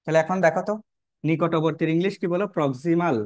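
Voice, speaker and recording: A man's voice: a little high, fairly even intonation, fast, no room sound, studio quality. A man teaching a biology lesson while drawing, repeating key terms and often asking his students questions. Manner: repetitive, checks in with "কেমন?" and rhetorical questions.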